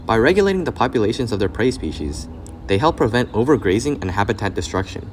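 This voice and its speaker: Low-voiced man narrating a nature documentary, noisy background. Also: sing-song, fast.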